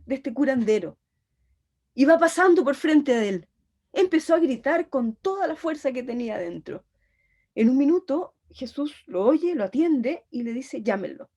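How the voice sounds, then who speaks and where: High-voiced woman teaching the Bible. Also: dark tone. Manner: storytelling, dramatic retelling of gospel scenes. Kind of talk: pastoral Bible lecture.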